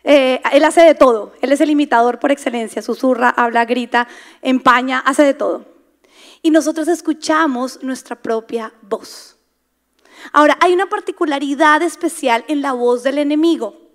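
A woman's voice: high-pitched, moderate pace. A woman preaching to a women's congregation, dramatic, dropping to whispers for emphasis and acting out inner voices. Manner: acts out inner voices, asks the crowd to repeat words.

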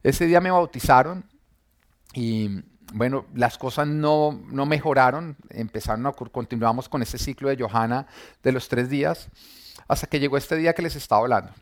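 A man's voice: mid-range voice, normal speed. Man telling an earnest personal testimony. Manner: earnest, recounts scenes with quoted dialogue. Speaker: church member giving testimony.

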